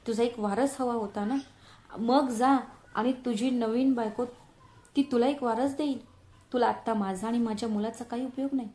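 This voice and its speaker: A woman's voice: a little high, steady tone, normal speed, dark tone, close to an everyday voice. A woman voicing a wronged young wife who answers sharply and coldly, in a storybook reading. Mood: bitter. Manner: bitter, cutting. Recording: roomy echo.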